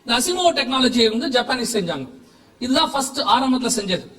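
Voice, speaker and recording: A man with a Tamil accent preaching a lively sermon, often laughing as he asks the congregation questions. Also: extremely high pitch, quick pace. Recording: echoey hall from far off.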